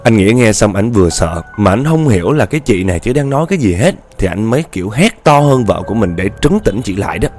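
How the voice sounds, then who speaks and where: A man's voice: fairly low pitch, sing-song, quick pace, few pauses, darkish tone, faint music behind. A man narrating a ghost story in a chatty way, often speaking straight to his listeners. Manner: chatty, addresses listeners directly.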